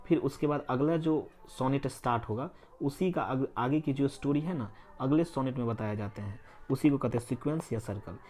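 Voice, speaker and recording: Mellow-voiced man drilling exam points. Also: medium pitch, fairly quick, hardly any pauses. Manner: repeats points as quiz questions and answers them; spells out words letter by letter. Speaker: English literature teacher. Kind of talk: Hindi-English exam-prep lecture.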